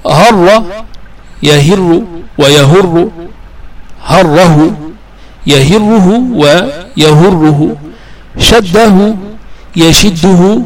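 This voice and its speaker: A man with a fairly high voice teaches a grammar lesson. He speaks slowly and deliberately and repeats each verb form so it sinks in. Now and then he raises his voice to recite lines of verse. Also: rough recording. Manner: slow and deliberate, repeating verb forms and drawing them out. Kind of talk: recorded lesson explaining a classical grammar poem.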